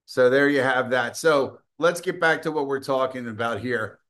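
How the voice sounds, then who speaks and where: A man's voice: mid-range voice, normal speed, a bit bright. A middle-aged man hosting a political commentary show, delivering a combative, scornful and profane opinion monologue, with occasional coughing.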